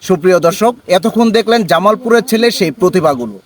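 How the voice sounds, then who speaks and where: A man's voice: high-pitched, lively intonation, quick pace, background noise. A man interviewing in formal standard Bengali, speaking as a presenter and praising his guest. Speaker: interviewer, journalist.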